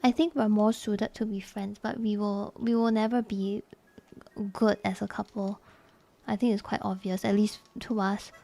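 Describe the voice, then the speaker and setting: A woman's voice: mid-range voice, little pitch movement, moderate pace, gravelly, dark tone. A young adult woman streamer chatting casually and candidly with her viewers, laughing often and swearing freely.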